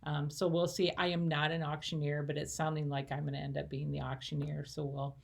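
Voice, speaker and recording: A woman's voice: low voice, level tone, fairly quick, gravelly. A woman who coordinates church missions, chatting casually with many fillers and easy laughter. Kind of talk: casual chat.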